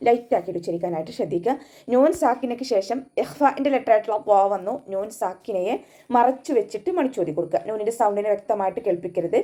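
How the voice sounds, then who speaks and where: Calm woman teaching recitation. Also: fast. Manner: patient, step-by-step instruction; chants the verses in a high melodic tone. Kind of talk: tajweed lesson, recitation and explanation.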